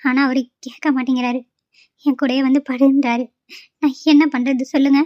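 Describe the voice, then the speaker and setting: A woman's voice: sits high, level tone, moderate pace, no room sound, lightly acted. A woman voicing a tearful, pleading young pregnant daughter-in-law in a cartoon, on a dull lo-fi recording.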